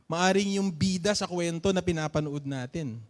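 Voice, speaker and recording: A man's voice: a little high, moderate pace. A Filipino man preaching a sermon in a conversational, playful way, often checking in with his listeners and joking with them. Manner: conversational, often asking "okay?" and "di ba?"; playful with jokes and laughter. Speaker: pastor.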